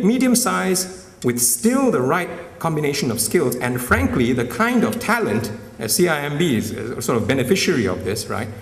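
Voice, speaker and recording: Guy giving a summit keynote, emphatic, keeps saying right?, sounds far off in a big roomy hall. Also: medium pitch. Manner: emphatic, often tags lines with "right?". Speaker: summit speaker. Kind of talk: conference keynote speech. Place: large conference hall. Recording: echoey hall, mic at a distance.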